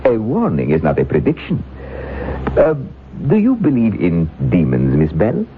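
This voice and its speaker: A man's voice: sits low, huge pitch swings. An actor playing a suave, menacing male occultist author in a 1970s radio drama, talking in a silky, mocking way. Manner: silky, mocking, slow and deliberate. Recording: tinny lo-fi radio broadcast with faint hiss.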